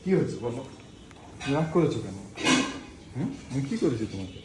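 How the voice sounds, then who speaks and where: A man's voice: mid-range voice, sing-song, fairly quick. A young man, a father, talking tenderly to his toddler at home in playful, coaxing baby talk and mock pleas. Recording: roomy echo with faint room noise.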